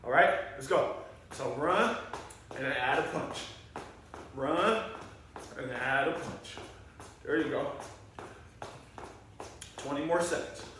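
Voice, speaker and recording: Upbeat P.E. teacher in an echoey room. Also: male voice, fairly high pitch, slow pace, pauses often, a bit bright, a little hiss or hum. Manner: encouraging, refers to himself in third person. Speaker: elementary P.E. teacher. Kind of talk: leading a video workout class. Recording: roomy echo, voice from a distance.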